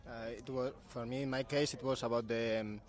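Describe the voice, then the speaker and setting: A man's voice: mid-range voice, fairly even intonation, fairly quick. A man in his late twenties from Asturias with a Spanish accent, searching for words as he answers interview questions. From Asturias, Spain. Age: late 20s. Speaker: guest volunteer.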